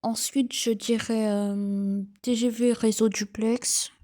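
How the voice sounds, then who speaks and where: Slow, mellow young woman with morning voice. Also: fairly high pitch, flat delivery. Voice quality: sleepy morning voice. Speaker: train enthusiast vlogger. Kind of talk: casual FAQ vlog talk.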